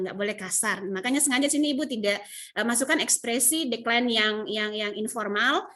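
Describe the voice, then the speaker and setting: An Indonesian woman teaches English in an online class, explaining things in Indonesian and modelling English phrases with lively intonation. Her voice sits on the high side, and the audio has a video-call quality.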